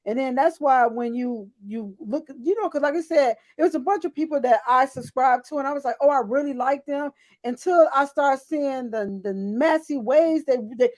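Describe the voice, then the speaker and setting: A woman's voice: high-pitched, moderate pace, few pauses, a little mellow. A middle-aged woman co-hosting a casual chat, talking bluntly and emphatically, with lots of agreeing interjections. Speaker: co-host.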